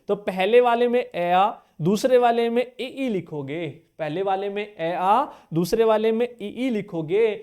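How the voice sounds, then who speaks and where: His voice sits high yet has a darkish, clear and resonant tone. A male teacher doing an exam-prep grammar lesson, he questions his viewers, answers for them, repeats key terms for drilling and casually calls them brother.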